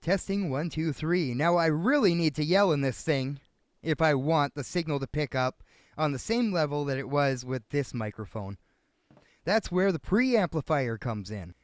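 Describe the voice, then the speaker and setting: A man's voice: a little high, lively intonation, normal speed, no room sound. Laid-back man reviewing microphones, dry sound. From Canada. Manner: chatty, laid-back, thinks aloud with fillers. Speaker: video creator testing microphones. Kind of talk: casual gear review talking to viewers. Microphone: switching between studio dynamic microphones.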